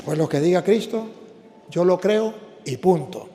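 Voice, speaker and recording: Priest, forceful repetitive preaching, high voice in a reverberant church. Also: male voice, a little slow, slight background noise. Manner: emphatic, repeats lines for the congregation. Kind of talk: sermon.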